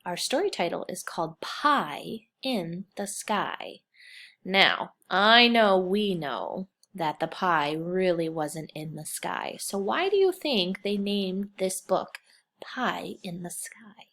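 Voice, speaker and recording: A woman with a lowish, somewhat bright voice reads a children's picture book aloud slowly and with animation. She is a kindergarten teacher, reading expressively in simple phrasing and asking questions of her young listeners.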